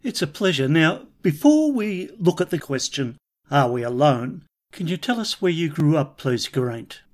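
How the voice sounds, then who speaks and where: A man hosting an interview, asking prepared questions in a polite, measured way. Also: on the high side, big pitch swings, darkish tone. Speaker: podcast host interviewer.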